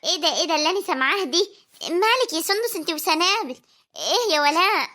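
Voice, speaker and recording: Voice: very high voice, expressive, fast, pushed and bright, full character voice. A performer voicing a doting village aunt with an Egyptian accent, cheerful and teasing with the children. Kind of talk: homemade family drama voice acting.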